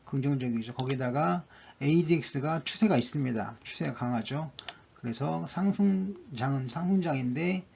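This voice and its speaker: A man's voice: mid-range voice, moderate pace, creaky, a little mellow, slight background noise. A man narrating a stock chart analysis, going methodically through each indicator one by one, on a dull lo-fi recording.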